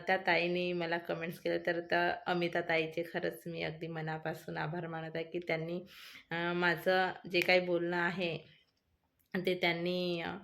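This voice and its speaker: A woman's voice: lowish voice, fairly bright tone. A woman vlogger giving an earnest, hesitant intro to her viewers, with many fillers.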